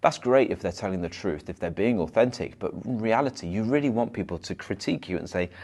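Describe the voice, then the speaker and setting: A man, a hypnotherapist, talking to camera with self-help advice. He rushes his words and sometimes stumbles or repeats them. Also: on the low side, expressive, a little mellow. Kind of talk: motivational advice monologue to camera.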